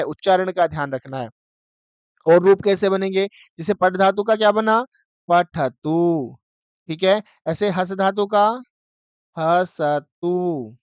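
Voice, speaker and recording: A man teaching a Sanskrit grammar lesson. He drills verb forms by asking questions and answering them himself, and he chants lists of forms slowly. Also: high-pitched, no room sound.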